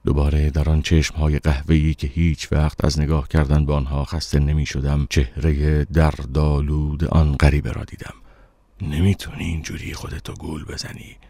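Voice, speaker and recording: A man with a very deep voice reads a dark story aloud, slow and somber. The recording is dry, with no room echo. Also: completely flat delivery. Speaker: narrator. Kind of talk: dramatic audiobook narration.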